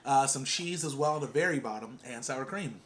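Man, mid-pitched voice, easygoing, jokey, faint background hum. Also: fairly quick. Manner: easygoing, jokey, laughs at himself. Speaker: co-host of an eating channel. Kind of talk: casual mukbang chat. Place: home.

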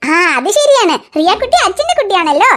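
A woman voicing a gentle aunt in a cartoon who patiently coaxes a child. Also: extremely high pitch, very animated, fairly quick, heavily acted. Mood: coaxing. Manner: soothing, persuasive coaxing. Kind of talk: cartoon voice acting.

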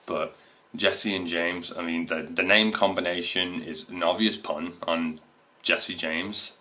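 A man's voice: low voice, fairly even intonation, measured pace, bright, forceful tone. A man in his twenties talking casually to his camera, rambling with fillers and restarts. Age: 20s. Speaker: video host. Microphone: camera mic.

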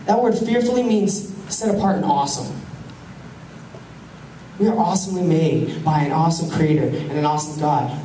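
Young male pastor, mellow dark voice, animated sermon, recorded from far back in a roomy hall with faint hum. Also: on the high side. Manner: animated, swings from loud to hushed. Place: large church hall with stage. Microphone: handheld mic, filmed from the pews.

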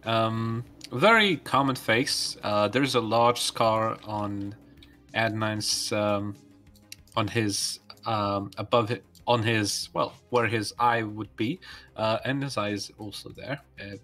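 A man's voice: fairly low pitch, slow pace, bright, forceful tone, soft background music. A man playing a tabletop role-playing game over voice chat, joking and loose, with many fillers. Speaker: player.

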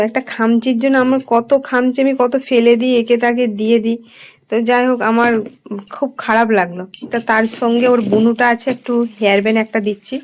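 A woman's voice: fairly high pitch, a little hiss or hum. A woman in her thirties with a Bengali accent, chatting casually in a home vlog about her evening. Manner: chatty, drawn-out, softly spoken at times. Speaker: vlogger. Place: home at night.

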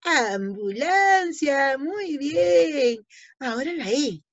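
A hoarse woman teaching young children in an online lesson, drawing out her words slowly and playfully. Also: high-pitched, big pitch swings, no room sound. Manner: slow, sing-song, drawn-out words for small children. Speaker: preschool teacher. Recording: dull, lo-fi home video audio.

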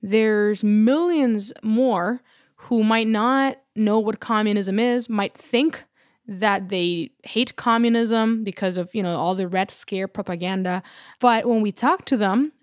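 A woman's voice: medium pitch, a little slow, a little mellow, no echo, clean studio sound. A woman hosting a podcast, upbeat and encouraging. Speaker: podcast host.

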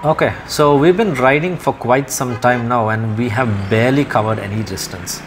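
A young man from India talks through his helmet mic as he rides, easygoing and plain-spoken, at a mid pitch. Road and engine noise hum clearly behind him. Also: normal speed. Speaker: motovlogger. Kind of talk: casual travel vlog narration. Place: on a motorbike on a road.

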